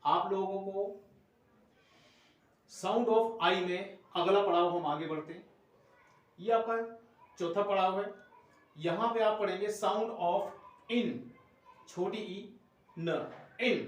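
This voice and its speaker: A man teaching a phonics lesson to children, spelling words out letter by letter and then sounding them, in a slow, repetitive drilling manner. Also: sits high, very echoey, distant mic.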